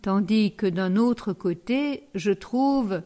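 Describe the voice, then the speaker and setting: A woman's voice: mid-range voice, lively intonation, takes it slowly, dark tone. A woman voicing a pompous, pedantic elderly man who weighs every word, in a read storybook. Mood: fussy. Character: fussy pompous elderly male parishioner.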